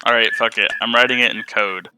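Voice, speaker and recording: A man's voice: mid-range voice, fairly even intonation, a little fast, noisy background. A man playing a tabletop game, bantering casually in and out of character.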